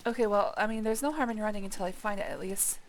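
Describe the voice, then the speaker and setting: A woman streaming a video game, talking casually through her play with joking asides and quick apologies. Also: medium pitch, slight background noise. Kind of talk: casual let's-play commentary.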